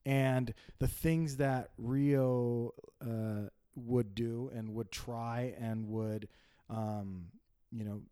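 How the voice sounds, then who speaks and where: A man's voice: mid-range voice, steady tone, drawn-out words, mellow, smooth. A man co-hosting a casual podcast, a father telling a story in a rambling way with many restarts. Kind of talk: casual chat.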